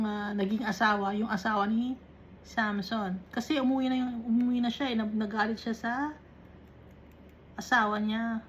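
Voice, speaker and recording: A woman teaching a Bible study, reading verses slowly and then explaining them, often checking in with little tag questions. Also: on the high side, a little hiss or hum, low-quality recording.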